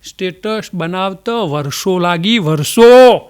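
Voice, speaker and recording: A man's voice: high voice, lively intonation, slow, darkish tone, clean tone. A man with a Mehsana Gujarati accent telling jokes in a folksy, chatty stand-up style, with dialect fillers. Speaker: comedian.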